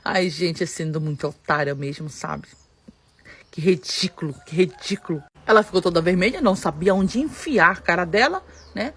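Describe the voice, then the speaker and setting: Woman, Brazilian Portuguese accent, dramatic storytelling, talks to listeners directly, lively swooping pitch, breathy. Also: fairly quick. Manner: animated, addresses listeners directly. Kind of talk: dramatic first-person storytelling.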